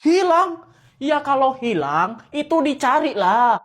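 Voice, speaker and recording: A woman performing a comic sketch, switching between exaggerated, shouty village characters. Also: sits high, sing-song, slow pace, exaggerated voice. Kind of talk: comic sketch with many voices.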